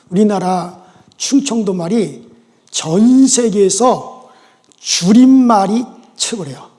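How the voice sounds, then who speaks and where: A male pastor preaches in a high, bright voice that rings through a reverberant church. He talks in a folksy way, joking with the congregation before turning earnest. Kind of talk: sermon. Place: church sanctuary.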